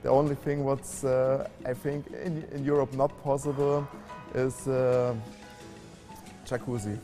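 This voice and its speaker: A man answering interview questions about handling private jets, halting with many fillers. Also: medium pitch, flat delivery, dark tone, faint music behind. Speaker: private jet handling staff.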